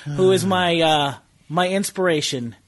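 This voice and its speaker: High-voiced male podcast host, halting. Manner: rambling, halting introductions full of fillers. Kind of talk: casual podcast chat. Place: comic book store.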